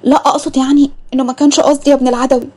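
A woman voicing an excitable, hot-tempered young student, in an Egyptian accent, quick to exclaim and flare up. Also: high voice, voice pushed up, lightly acted. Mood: pleading. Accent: Egyptian Arabic.

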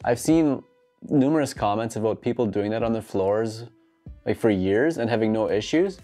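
A man in his thirties, host of a home gym DIY channel, gives casual instructions to camera from his indoor garage gym, tossing in jokey, tongue-in-cheek asides. His voice is lowish, expressive and mellow, at a normal speed. Music plays in the background.

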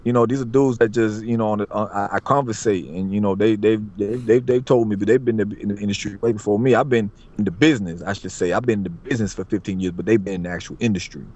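Here a Florida barber guesting on a podcast speaks fast with hardly any pauses, his fairly low voice a little mellow and fairly even in intonation. The casual interview talk is streetwise, full of repetition and "you know what I mean." Audio quality is dull and lo-fi.

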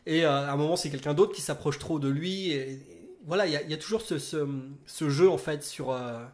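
Man, 30s, film critic in casual talk, slightly higher voice, halting delivery with fillers. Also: darkish tone. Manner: hesitant, many fillers and restarts.

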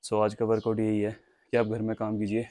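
Flat-voiced young man vlogging at home. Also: fairly low pitch, brisk. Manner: casual, advising viewers directly. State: tired after heavy work. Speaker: fitness vlogger. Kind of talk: casual vlog chat to camera. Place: veranda of a house, covered, half outdoors.

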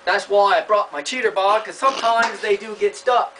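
A man's voice: sits high, fairly even intonation, normal speed, a bit bright, distant mic, a little hiss or hum, low-quality recording. A man hosting a mock repair demonstration in a bumbling, overconfident, know-it-all manner. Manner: bumbling, overconfident, falsely expert. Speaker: host of a parody repair video.

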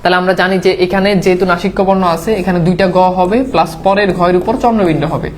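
A woman teaching an online admission exam lesson over slides. She explains rules step by step, mixes in English words and keeps checking understanding with quick tag questions. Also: on the low side, steady tone, darkish tone, slight background noise.

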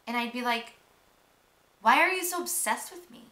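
A woman's voice: on the high side, lively intonation, unhurried, sharp tone. A young woman performing a monologue as a mean, spiteful, popular teenage girl, with a catty, gossipy, mock-sweet drawl. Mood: scornful. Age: young adult. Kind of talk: acted film monologue. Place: small room indoors. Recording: roomy, echoey home recording.

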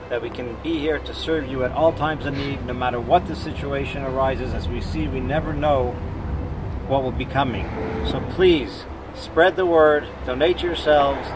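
A middle-aged man giving a measured fundraising appeal outdoors. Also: medium pitch. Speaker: volunteer responder making fundraising appeal. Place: outdoors beside a vehicle. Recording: outdoor traffic and air noise.

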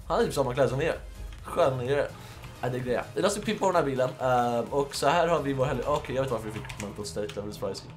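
A young man from Sweden chats through a game session in a loose, joking way, tossing in curses and bursting into laughter. His voice sits at an ordinary pitch, a little worn from feeling unwell. Soft music plays quietly underneath. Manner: joking, swearing, quick laughing outbursts. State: slightly under the weather. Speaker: gaming YouTuber. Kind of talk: casual let's-play commentary.

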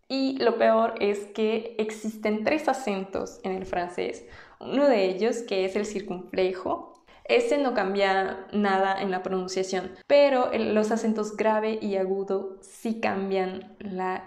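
A woman from Mexico with a Mexican Spanish accent, explaining in a casual vlog and demonstrating sounds slowly and patiently. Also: medium pitch, a little mellow. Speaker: language vlogger. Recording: roomy echo.

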